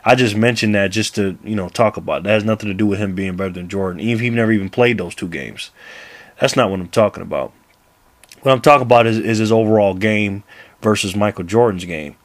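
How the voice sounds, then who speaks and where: A man in his late thirties talks casually to camera about basketball, rambling, restarting sentences and laughing often. His voice sits low. The sound is dry and close, with no room echo. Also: fast talker. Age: 30s. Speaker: basketball vlogger.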